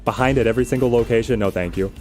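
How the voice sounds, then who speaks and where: A man's voice: mid-range voice, rapid-fire. A man giving casual live game commentary as a streamer, thinking aloud and explaining strategy in a conversational way. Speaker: game streamer answering viewers' questions. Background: music.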